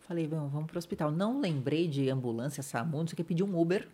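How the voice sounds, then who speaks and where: A middle-aged woman with a Brazilian Portuguese accent, a podcast guest vividly retelling a personal ordeal, acting out what others said and dropping to a hush at the painful moments. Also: sits low, animated, quick pace, husky. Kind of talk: emotional personal storytelling.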